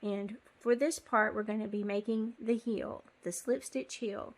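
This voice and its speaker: A woman's voice: mid-range voice, fairly even intonation, unhurried. Chatty woman teaching sock knitting. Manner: chatty and apologetic, with frequent ums. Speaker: knitting tutorial host. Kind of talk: casual step-by-step knitting tutorial. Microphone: phone.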